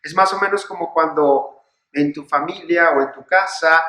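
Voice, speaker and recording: A man's voice: fairly high pitch, normal speed, sharp tone. A man speaking as a priest in a sermon-style reflection, earnest and building his points through repeated phrases and rhetorical questions. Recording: echoey room.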